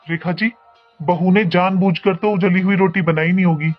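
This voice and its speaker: A man playing a calm older father-in-law who reasons gently and lectures his wife. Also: sits high, moderate pace, lo-fi sound, soft background music.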